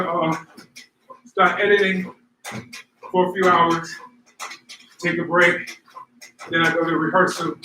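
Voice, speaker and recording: Guy doing casual workout talk while running, bright forceful voice, echoey room w faint noise. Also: high voice. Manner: talking while running and power walking on a treadmill. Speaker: host of a running workout vlog. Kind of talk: casual motivational chat while exercising. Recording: roomy, distant mic, faint noise.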